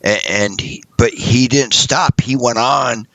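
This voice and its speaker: A man's voice: mid-range voice, slow, creaky, fairly bright tone, no room sound. A man co-hosting a casual podcast, talking in long rambling sentences full of hedges. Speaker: podcast co-host.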